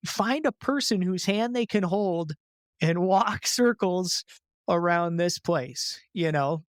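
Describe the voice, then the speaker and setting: A man with a notably high-pitched voice talks in a loose, chatty way as a podcast guest, full of filler words and quick laughs. The sound is close and dry with almost no room tone. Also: clear, resonant tone, no echo. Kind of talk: casual conversational interview.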